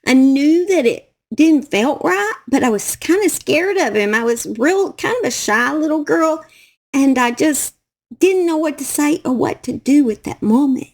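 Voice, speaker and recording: Halting Southern woman telling her story. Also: sits high, expressive. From Southern United States. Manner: halting, repeats phrases, emotional. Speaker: true crime YouTuber. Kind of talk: personal storytelling to camera.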